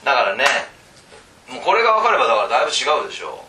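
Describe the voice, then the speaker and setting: A man training teachers in a casual lecture, chatting with the room, asking questions and swinging between loud and hushed. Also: mid-range voice, sing-song, racing, background noise. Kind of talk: lecture to tutors. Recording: roomy echo.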